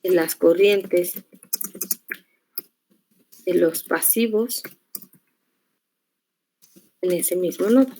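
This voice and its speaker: In an online class on electric circuits, a woman teacher lectures slowly and patiently, explaining step by step and checking in with questions to her students. Her voice is fairly low in pitch with a dark tone.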